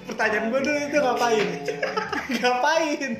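Young guy host, high voice jumping all over, teasing and asking stuff, echoey room. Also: a little slow, over music. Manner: teasing, prodding with questions. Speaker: podcast host. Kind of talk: casual podcast chat. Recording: echoey room with faint noise.

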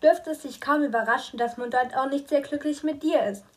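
A woman reading a stern, controlling mother's lines in an audiobook, slow and clear with bitter edges. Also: sits high, darkish tone, lightly acted. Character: stern middle-aged mother, cold and controlling.

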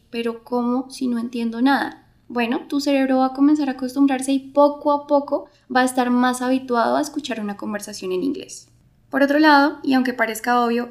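A woman, an English teacher, explaining a podcast lesson clearly and speaking straight to the listener. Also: high-pitched, a little mellow.

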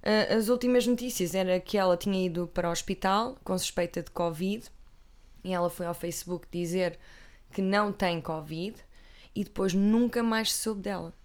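A woman's voice: mid-range voice, moderate pace. A woman with a European Portuguese accent chatting casually to viewers, rambling and breaking off with asides. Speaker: vlogger. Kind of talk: casual chat about TV.

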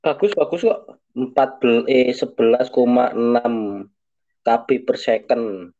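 Pria Jawa santai, suara agak redup. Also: male voice, mid-range voice, a little slow, dark tone, lo-fi sound. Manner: loose, joking, swears casually. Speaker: podcast co-host. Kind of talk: casual chat. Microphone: remote call.

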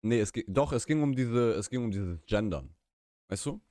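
On a live stream from a small room, a young native Russian speaker co-hosts a casual podcast chat, opinionated and rambling, with frequent self-corrections and restarts. His voice sits on the low side, expressive and mellow at a moderate pace, captured as a dry, clean studio recording.

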